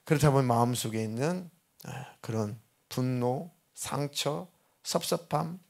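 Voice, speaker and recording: A male pastor preaching a sermon in a church, talking in a conversational way and repeating key phrases for emphasis. He drops to a soft, quiet voice at moving points. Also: medium pitch, measured pace, creaky. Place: church sanctuary.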